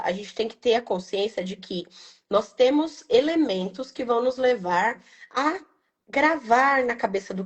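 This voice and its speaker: A young adult woman, a business owner, talking in a casual, reflective and emotional way, tagging her phrases with quick questions. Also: a little high. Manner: reflective, emotional, frequent "né" tags. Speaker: business owner interviewed about her brand. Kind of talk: casual heartfelt testimonial.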